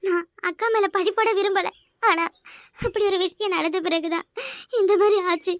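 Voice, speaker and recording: A woman's voice: very high voice, fairly even intonation, moderate pace. A woman voicing a scheming young wife in a village cartoon, with a whiny, self-pitying way of talking. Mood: sobbing. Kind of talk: Tamil village cartoon voice acting.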